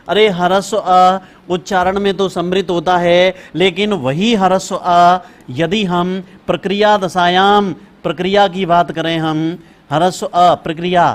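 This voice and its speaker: A man teaching Sanskrit grammar in a classroom-style lesson. He repeats each term several times and keeps calling his students "brother". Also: sits high. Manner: repeats terms slowly, addresses students as brother. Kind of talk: classroom lecture.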